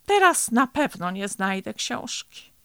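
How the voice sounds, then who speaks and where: A woman's voice: fairly high pitch, big pitch swings, measured pace, sharp tone, clean tone, no room sound, studio quality, heavily acted. A woman voicing a small, worried boy turtle who talks in an anxious, plaintive way in a storybook reading.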